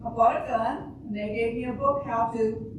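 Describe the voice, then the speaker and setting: An older woman, lightly acting in an amateur readers' theater, voices a literal-minded, blunt housewife and mother who earnestly and plainly tells of shooting her husband, using ungrammatical phrasing. Her voice is a little high, fairly even, at normal speed; the recording is distant, very echoey and noisy.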